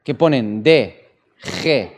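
A man preaching a sermon, animated and full of rhetorical questions to his listeners. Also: mid-range voice, very slow, vocal fry. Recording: long church-hall reverb.

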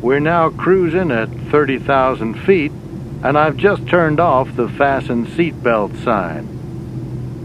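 Over a muffled intercom, an airline captain speaks to his passengers slowly and deliberately. Each announcement comes out carefully paced and steady. A loud engine rumble sits behind the dull, lo-fi sound. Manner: measured, deliberate delivery. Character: calm male airline captain making cabin announcements. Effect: over the aircraft intercom. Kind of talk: scripted in-flight announcements for a language lesson.

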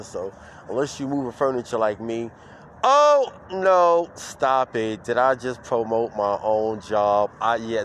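A man's voice: mid-range voice, a little hiss or hum. Man doing a mock morning radio show. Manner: hype-man energy, drawn-out shouted words, laughing. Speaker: podcast host. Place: outdoors in the street.

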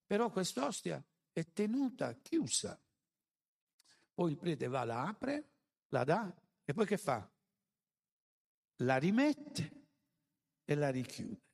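A slow, measured preacher with a fairly high voice delivers a sermon in a big echoing hall. He swings from high, emphatic lines down to low, hushed prayers. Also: big pitch swings, vocal fry. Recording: echoey hall.

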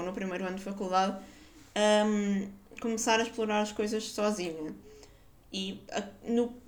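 With a mid-range voice, a young woman from Guarda shares a relaxed personal anecdote on her podcast, her European Portuguese accent clearly of that region. She chatters along, laughs frequently, and leans heavily on filler words.

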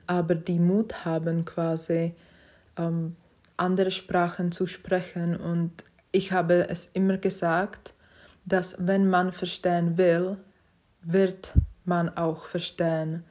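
A young woman hosts her own podcast, speaking German, which isn't her first language, in a slow, flat voice that is fairly low and a bit dark. It's a casual personal monologue, hesitant and reflective, with many fillers and restarts, and her tone is self-reflective and encouraging.

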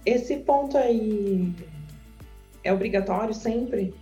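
A woman's voice: mid-range voice, slow, mellow, highs cut off, faint music behind. A woman, co-hosting a casual chat and thinking aloud as she asks questions. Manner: thinks aloud, hedging with "sei lá". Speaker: co-host.

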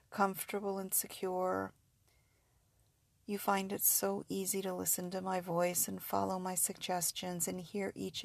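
Female sleep-story style hypnosis narrator: unhurried, soothing, repetitive, close and dry-sounding. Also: mid-range voice, gravelly, no room sound. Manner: soothing, repetitive, suggestive phrasing.

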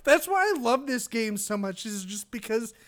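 A young man with a high, bright voice chats loosely on a podcast, stammering through restarts and breaking into laughter. He swears casually and rambles off topic. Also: sing-song, normal speed. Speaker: podcast co-host. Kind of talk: casual chat.

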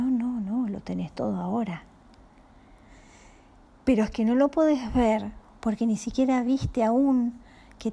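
A spiritual teacher with a creaky, mid-range voice speaks in a Rioplatense Spanish accent. Her talk is calm and reflective, delivered slowly and often hushed to a soft whisper.

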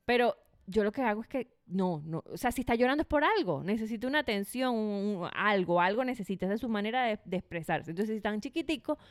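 Fast-talking chatty woman. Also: medium pitch, no echo, clean studio sound. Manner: lively, expressive, laughs often. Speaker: podcast co-host. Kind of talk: casual chat.

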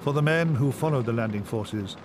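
A man's voice: mid-range voice, brisk, noisy background. A man reading scripted narration as a documentary narrator.

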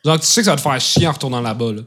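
Young man, Quebec French accent, rapid husky voice, slangy casual chat, halting repetitions. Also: mid-range voice, expressive, fairly bright tone. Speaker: podcast participant.

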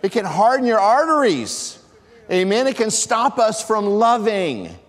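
A male pastor preaching a sermon in an emphatic style that swells into shouts for emphasis. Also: high-pitched, very animated, measured pace. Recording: long reverb of a large hall.

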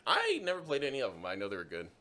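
A man's voice: mid-range voice, wildly swooping pitch, very fast, sharp tone. A man bantering casually about games as a podcast co-host, with a slangy, teasing, emphatic frat-bro way of talking.

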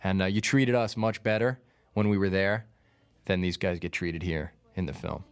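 A man's voice: low-pitched, steady tone, moderate pace, clear, resonant tone, no room sound. A man giving casual, anecdotal film commentary as a filmmaker, close on the microphone. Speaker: filmmaker and screenwriter.

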